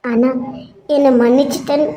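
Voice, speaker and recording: A woman voicing a young, pregnant wife in an animated serial, pleading and apologetic. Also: high voice, normal speed, slight background noise, natural voice. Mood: tearful pleading. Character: young tearful wife, pregnant after long wait. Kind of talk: cartoon serial voice acting.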